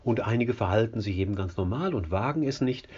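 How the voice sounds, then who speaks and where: A man teaching a classic play scene by scene, in a measured, explanatory way with frequent hesitations, on a dull lo-fi recording. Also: lowish voice, lively intonation, darkish tone, slightly rough.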